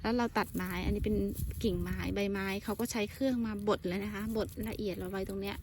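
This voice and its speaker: Woman, 30s, from Thailand, casual gardening vlogger, excitable, outdoors with a handheld phone. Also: mid-range voice, quick pace, noisy background. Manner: chatty, bursts into excited exclamations. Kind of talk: casual chat while gardening. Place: outdoor vegetable field in rural Japan. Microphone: handheld phone camera.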